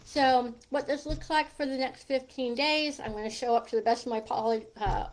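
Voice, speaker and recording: A mature woman with a fairly high voice and a noticeable lisp that whistles on her s. She talks like a coach on a casual livestream, chatty and informal, wandering into little asides as she addresses her viewers. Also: steady tone, moderate pace, poor audio. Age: middle-aged or older. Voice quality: lisp with whistling, slushy s from a gap in her teeth.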